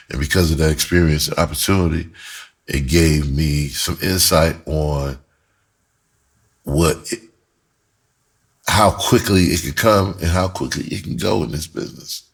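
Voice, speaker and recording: This middle-aged American writer and music producer has a very deep, husky-edged voice. Telling his own story, he's casual, candid and explicit, wandering through it in slang-heavy talk.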